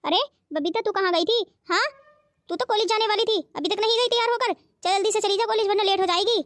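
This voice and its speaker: A grumbling, penny-pinching old mother-in-law from a cartoon, acted by a woman. She has a very high, thin voice and constantly scolds the family. The sound is close and dry, with no room around it. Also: quick pace, a bit bright, no room sound. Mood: scolding. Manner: scolding, complaining. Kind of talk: cartoon voice acting.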